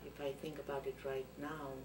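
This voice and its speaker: An older woman from Cyprus, answering interview questions hesitantly with many pauses. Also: rumbling low, little pitch movement. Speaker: interviewee, student's mother. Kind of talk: recorded interview. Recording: roomy, distant, noisy.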